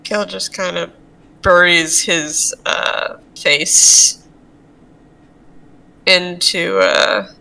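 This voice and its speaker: A woman player narrating her character in a tabletop game, halting and giggly. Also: lowish voice, sing-song, vocal fry, sharp tone, low-quality recording.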